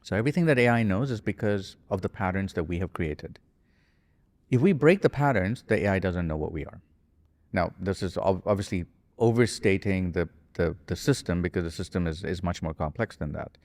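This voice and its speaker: Low-voiced man in a reverberant hall. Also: expressive, brisk, darkish tone. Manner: thoughtful, rambling, self-correcting. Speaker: podcast guest. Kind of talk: casual conversation.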